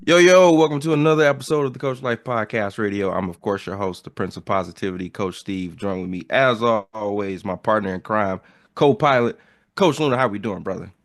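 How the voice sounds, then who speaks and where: A man's voice: fairly low pitch, fairly quick, dry recording. A man hosting a podcast in casual chat, opening with upbeat intros and repeated phrases. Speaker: podcast host.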